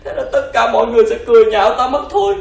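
A man's voice: very high-pitched, lively intonation, rapid-fire, gravelly, a little mellow, full character voice. An actor playing a vain, stingy male philosopher master in a comic stage play, blustering and stammering when flustered. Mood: despairing. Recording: echoey stage recorded from far off.

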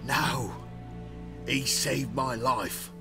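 A man playing a loyal, weary wounded soldier in a video game, speaking in halting, laboured phrases. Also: medium pitch, steady tone, gravelly, loud music behind the voice. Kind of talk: video game drama acting.

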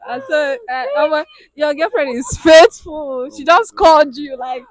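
A woman's voice: sits high, animated, measured pace, no echo. A young Nigerian woman hosting a street prank, laughing often and crying out to God in Pidgin asides. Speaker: prank show host. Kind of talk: excited street prank chat.

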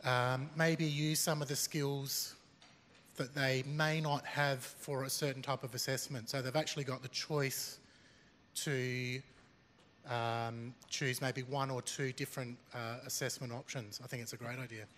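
A man's voice: medium pitch, level tone, unhurried, fairly bright tone, slight background noise. A man on a college staff speaking from the audience, hesitant with many fillers. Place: large semi-open hall. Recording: long hall reverb.

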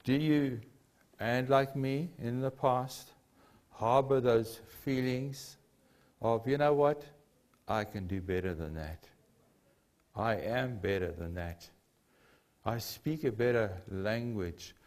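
Slow and slightly mellow, with long pauses, the mid-range voice belongs to an older pastor from South Africa. A native Afrikaans speaker with a South African accent, he preaches in a church hall furnished with a lectern and a cross, using earnest emphasis and repeated key phrases.

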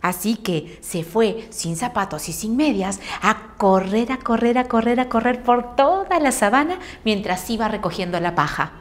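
Lively woman telling a children's story. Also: fairly high pitch, moderate pace, few pauses. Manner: animated, playful with sound effects.

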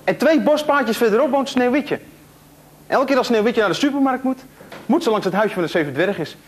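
A man telling jokes on a TV stage, a lively storyteller who repeats lines for effect. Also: very high-pitched, brisk. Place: television studio with an audience.

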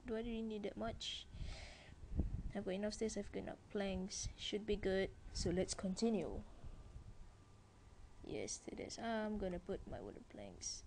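A woman talks through her game in a casual let's-play style, chatting to viewers as she goes. Her delivery is unhurried, with a gravelly, creaky edge to the voice. A faint hiss of noise sits underneath. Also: mid-range voice, animated, a little mellow. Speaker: gameplay commentator.

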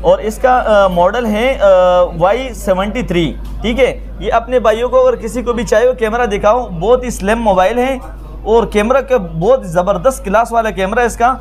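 High-pitched, eager Pakistani phone salesman. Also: moderate pace. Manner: eager, repetitive salesman patter. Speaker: mobile phone shop seller. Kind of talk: promotional sales pitch to camera. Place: small open-fronted mobile phone shop stall.

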